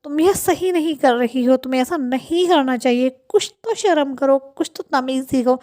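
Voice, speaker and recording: A woman's voice: high voice, normal speed, a little mellow, natural voice. A woman voicing a fussy, easily scandalized middle-aged mother-in-law in a storybook, scolding and exclaiming. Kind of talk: storybook voice acting.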